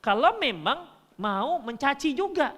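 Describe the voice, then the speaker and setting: A man from North Sumatra, Indonesia, preaching a humorous sermon, shifting between loud and soft. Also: extremely high pitch, very animated, unhurried, big-room sound. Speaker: Islamic preacher.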